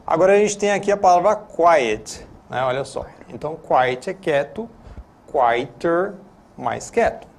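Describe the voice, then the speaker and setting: A man's voice: on the high side, animated, unhurried, gravelly. A man with a Brazilian Portuguese accent teaching English on a studio lesson broadcast, chatty and full of tag questions. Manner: chatty, repeats filler tags, self-corrects. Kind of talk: classroom lesson, explaining.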